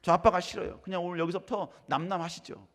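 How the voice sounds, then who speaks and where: A man's voice: sits high, fairly even intonation, quick pace, fairly bright tone, pitched above the performer's own voice. A man voicing a defiant son who lashes out at his father in an indignant outburst, in a hall with long reverb.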